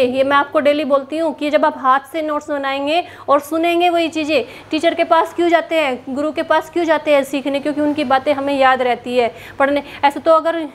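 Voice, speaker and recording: A woman teaching an exam-prep lesson, asking a question and answering it herself, standing in a small room. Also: sits high. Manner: repeats questions and answers for drilling. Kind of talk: classroom lesson. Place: hot room without a fan, standing.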